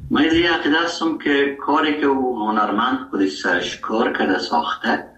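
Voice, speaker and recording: A man's voice: mid-range voice, fairly even intonation, fairly bright tone, lo-fi sound. A man from Herat with an Afghan Dari accent, a guest songwriter in a radio interview, talking at length in a reflective way. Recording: roomy, distant mic.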